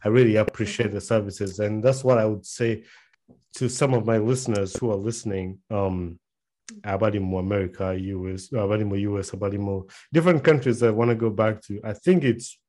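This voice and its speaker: Low-voiced man hosting a podcast. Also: fairly quick, mellow. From Uganda. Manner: rambling, mixes in Luganda phrases. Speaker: podcast host. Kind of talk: casual interview chat.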